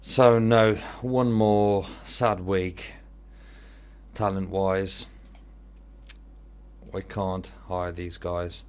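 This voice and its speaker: A man's voice: low-pitched, level tone, very slow, pauses often, darkish tone, clear, resonant tone. A man with an Italian accent giving casual commentary on an online football manager game, thinking aloud as he weighs his choices.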